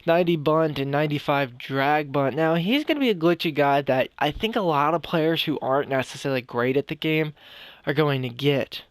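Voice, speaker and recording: A young man with a smooth, clear voice, sitting a little higher than most men's, chats his way through a video game for his channel. He rambles and restarts his sentences, slightly out of breath, recorded close and dry with no room sound. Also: moderate pace, no echo. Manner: rambling, with frequent restarts and self-corrections. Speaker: gaming YouTuber. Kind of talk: casual game commentary.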